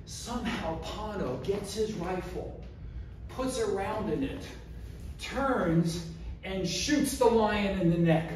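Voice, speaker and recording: Animated man telling a story in an echoey hall. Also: high-pitched, slow, distant mic, a little hiss or hum. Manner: animated, acts out scenes with gestures. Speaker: public speaker. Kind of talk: storytelling speech. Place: community hall, indoors, large room. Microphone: far camera, no mic.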